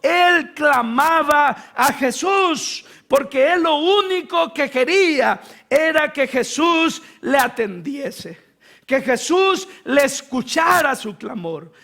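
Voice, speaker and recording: High-voiced man preaching fervently. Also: animated, slow pace, creaky. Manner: fervent preaching that swells into shouting, with rhetorical questions. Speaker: pastor. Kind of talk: sermon.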